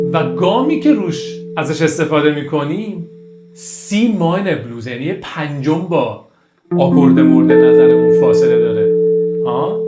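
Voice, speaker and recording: A man's voice: a little high, a little mellow. A man giving a casual music theory lesson, enthusiastic and singing short phrases to show them. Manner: enthusiastic, sings phrases to demonstrate. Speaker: music teacher. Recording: echoey room with guitar music.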